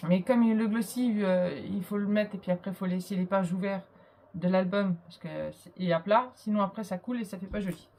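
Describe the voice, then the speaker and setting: Here the same woman, still nursing a cold, talks briskly in a mid-range, slightly mellow voice against faint background noise. She presents her handmade album casually, hesitating often and peppering her talk with fillers and small "hop" sounds.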